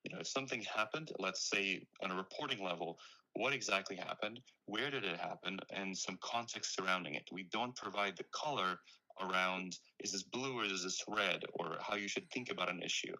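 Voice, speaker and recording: A man's voice: sits low, brisk, bright, forceful tone, poor audio. A young man from Ukraine, a startup founder being interviewed, explaining his work earnestly with frequent "you know"s. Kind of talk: conversational interview.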